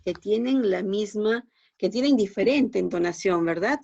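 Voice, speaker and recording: A woman's voice: mid-range voice, a little slow, gravelly, a little mellow, dry recording. A woman teaching a class, speaking patiently and often checking that her students follow with short questions. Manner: patient, checks understanding with frequent tag questions. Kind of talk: online class instruction. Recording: dull, muffled lo-fi class recording.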